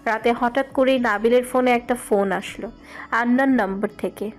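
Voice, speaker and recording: A woman narrating a love story at a steady storytelling pace. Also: a little high, moderate pace.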